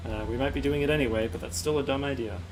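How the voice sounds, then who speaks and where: Casting: wry, playful man commentating his own game, mid-pitch everyday voice. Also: very fast, background noise. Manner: wry, musing, playful asides. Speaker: game player. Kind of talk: casual let's-play chat.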